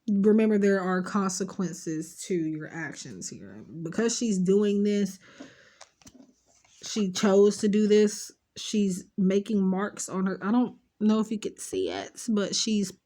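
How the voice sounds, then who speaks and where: Speaking slowly in a dark, mid-range voice, a sniffling, congested woman offers her viewers a loose, chatty tarot card reading. She addresses them directly and comfortingly, with many filler words.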